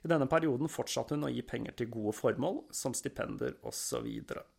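A man narrating history from a script at a measured pace, with a mid-range voice of ordinary pitch. His storytelling is even and controlled. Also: vocal fry, breathy edge. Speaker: podcast narrator.

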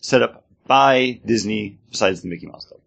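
A man with an American accent speaks in a low, husky voice. He explains things casually and with a fan's enthusiasm, as a co-host in an informal chat. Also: moderate pace, a bit bright. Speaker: podcast co-host.

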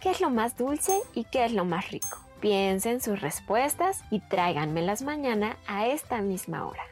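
A woman's voice: medium pitch, very animated, moderate pace, a little mellow, soft background music, close to an everyday voice. A woman doing a clever young magistrate. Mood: measured.

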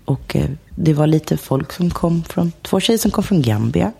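Husky, creaky woman chatting casually. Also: low-pitched, animated, warm tone. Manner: chatty, laughs often, many fillers. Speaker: guest. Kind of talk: casual interview chat.

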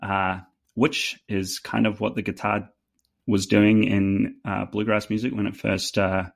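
Casting: New Zealand-accented male musician guest, low gravelly voice, hesitant chatty delivery. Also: level tone. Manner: halting, many fillers and restarts. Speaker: fiddle player guest. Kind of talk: casual interview chat.

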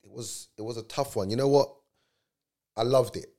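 A man's voice: mid-range voice, normal speed, dark tone. A man in his thirties with an urban London roadman accent, chatting casually in heavy slang as an interview guest. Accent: London, urban street. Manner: slangy, peppered with check-in tags. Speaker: guest, professional footballer. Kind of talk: casual chat.

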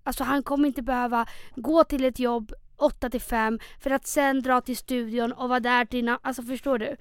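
High, smooth-voiced chatty young woman. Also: no room sound, clean studio sound. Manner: animated, chatty, repeats words when starting. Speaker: podcast host. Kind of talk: casual chat.

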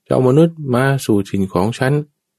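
A man voicing a huge, fierce man-eating giant who shouts threats at a traveler in a told folk tale. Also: mid-range voice, lively intonation, normal speed, vocal fry, dry recording, studio quality, voice pushed up. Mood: menacing.

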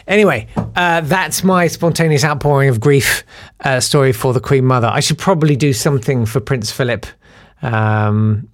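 A man's voice: mid-range voice, moderate pace, hardly any pauses, no room sound, clean studio sound. Rambling man telling a story. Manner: rambling, self-deprecating, with many fillers and restarts. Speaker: podcast host. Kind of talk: casual anecdotal monologue.

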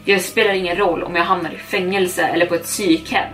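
A woman's voice: lowish voice, steady tone, a bit bright, far from the mic, soft background music, natural voice, poor audio. Woman as a frightened, manic young sister. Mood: tense. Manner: tense, anxious and manic. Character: frightened, worn-out young woman, turning desperate.

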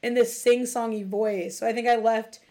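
A woman in her late twenties chats as host in a fairly high voice. She leans on "like" constantly and acts out little quotes as she talks. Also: normal speed. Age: late 20s. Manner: chatty, fillers of "like", animated quoting. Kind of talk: casual chat.

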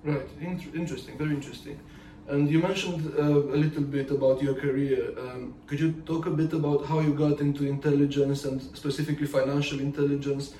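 Podcast host guy, kinda high voice, sounds far from the mic, roomy echo. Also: flat delivery, brisk, mellow. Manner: reads intro smoothly, then asks questions with fillers. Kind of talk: podcast interview. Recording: echoey room, distant mic, faint noise.

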